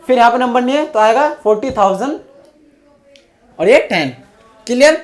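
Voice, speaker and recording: A woman's voice: a little high, expressive, normal speed. A woman teaching a maths lesson step by step. She keeps checking whether students follow. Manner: explains step by step, often checks with "clear?". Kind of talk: classroom-style math lesson.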